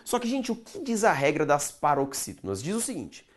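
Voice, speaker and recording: Lively Brazilian male grammar teacher. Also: fairly high pitch. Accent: Brazilian Portuguese. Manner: animated, stretches key words slowly for emphasis; addresses viewers directly, checks understanding often. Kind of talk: online grammar lesson.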